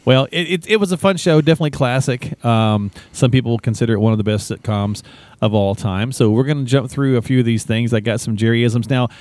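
A man's voice: mid-range voice, fairly quick, a little mellow, no room sound. A man co-hosting a podcast, chatty and easygoing, asking questions. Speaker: podcast co-host. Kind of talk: casual podcast chat.

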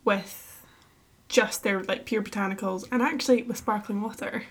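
A woman from Skye, a podcast guest, chatting over drinks in an animated way, laughing and quick to question. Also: medium pitch. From Isle of Skye, Scotland. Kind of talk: relaxed conversation over drinks.

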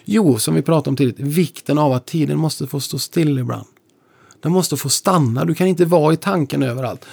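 A man working as a lecturer and musician, telling stories in a relaxed conversation with lively delivery. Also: fairly high pitch, vocal fry. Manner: lively, animated storyteller. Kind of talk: conversational storytelling.

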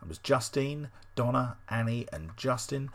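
A man's voice: mid-range voice, lively intonation, normal speed, a bit bright. A man hosting a casual podcast quiz special, reading out answers in a loose, sweary and sardonic way with plenty of fillers. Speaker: podcast host.

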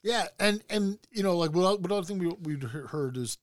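A man's voice: high voice, lively intonation, moderate pace, no echo, studio quality. A man hosting a casual interview, keen and asking follow-up questions. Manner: engaged, eager follow-up questions. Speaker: podcast host.

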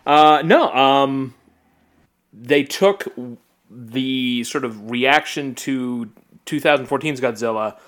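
A man's voice: medium pitch, slow pace, a bit bright. A young man co-hosting a podcast, talking casually about movies, hesitant and full of restarts. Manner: hesitant, many fillers and restarts. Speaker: podcast co-host.

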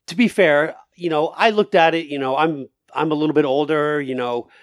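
A man's voice: fairly high pitch, normal speed, dry recording, studio quality. A man co-hosting a podcast in casual chat with wry, joking commentary. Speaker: podcast co-host.

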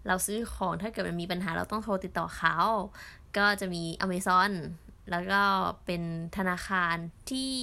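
A young woman from Thailand, an au pair, telling stories in a chatty vlog with many fillers and pauses. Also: lowish voice, steady tone, creaky, pushed and bright. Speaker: au pair vlogger. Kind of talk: casual storytelling vlog.

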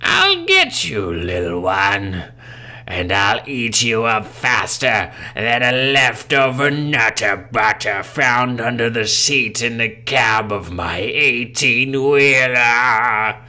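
A man voicing a large, menacing woman trucker who speaks in a sinister, drawn-out way. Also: mid-range voice, very animated, sharp tone, soft background music, full character voice. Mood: threatening.

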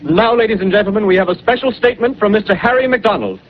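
A 1930s studio announcer with an old newsreel delivery, high, rapid voice, faint hiss under it. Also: male voice. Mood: urgent. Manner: formal, crisp bulletin-reading. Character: brisk male radio studio announcer. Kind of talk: 1930s radio drama announcing. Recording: muffled 1930s radio broadcast with faint hiss.

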